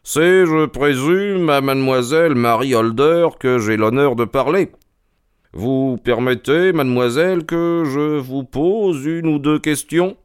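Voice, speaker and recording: Audiobook: man playing a keen, methodical detective, slow deliberate questions, crisp voice. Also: medium pitch, no echo, studio quality, pitched above the performer's own voice, close to an everyday voice. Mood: measured. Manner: measured, inquisitive. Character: sharp, calm male detective, keen and methodical. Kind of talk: audiobook character reading.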